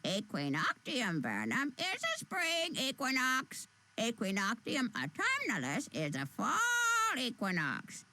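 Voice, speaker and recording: A woman's voice: a little high, huge pitch swings, takes it slowly, noisy background, full character voice. A woman voicing a cheeky, bossy female parrot in an adventure game who repeats words in a squawky sing-song. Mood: know-it-all.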